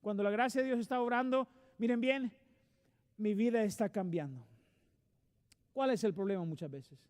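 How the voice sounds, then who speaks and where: A man's voice: high-pitched, normal speed, a little mellow, clear, resonant tone. A male pastor preaching a sermon in a church, earnest and direct with his congregation. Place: church sanctuary.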